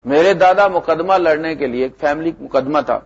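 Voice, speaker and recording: Animated middle-aged male preacher, muffled recording. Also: slightly rough. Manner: animated, swings between loud emphasis and low asides. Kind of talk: sermon.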